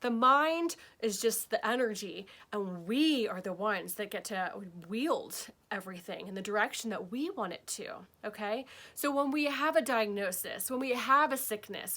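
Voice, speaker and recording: Woman healing teacher, casual spiritual talk, bright and a bit high-pitched, chatty check-ins. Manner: chatty, keeps checking in with "okay?" and "right?".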